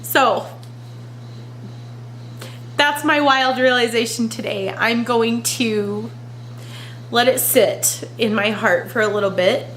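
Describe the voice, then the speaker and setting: A woman crying as she talks in a personal confessional vlog, halting and emotional as she searches for words. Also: a little high, a bit bright, slight background noise, rough recording. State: crying, tearful. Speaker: vlogger.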